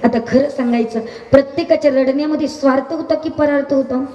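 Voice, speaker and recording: High-voiced woman preacher in an echoey hall. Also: fairly quick, recorded from a distance, highs cut off. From Maharashtra, India. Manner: animated, asks the audience questions. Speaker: kirtan preacher. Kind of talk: devotional storytelling sermon.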